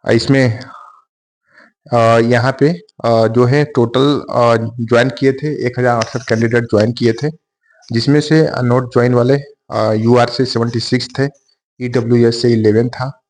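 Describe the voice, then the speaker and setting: Speaking at a plain middle pitch, the host of an exam coaching channel casually explains the latest waiting-list updates. He frequently stalls on fillers, starts his sentences over, and addresses his audience again and again as "guys."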